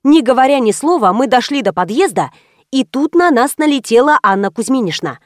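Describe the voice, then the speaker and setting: A woman narrating a story in the first person, wry and brisk. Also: sits high, very animated, dry recording, studio quality. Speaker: audiobook narrator.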